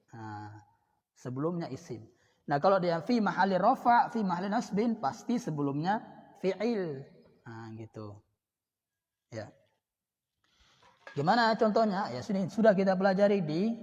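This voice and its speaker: Indonesian guy teaching a grammar class, fairly high voice, slow drilling, dull echoey sound. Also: darkish tone. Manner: repeats words slowly, drilling examples. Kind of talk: classroom lesson. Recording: dull sound with long reverb.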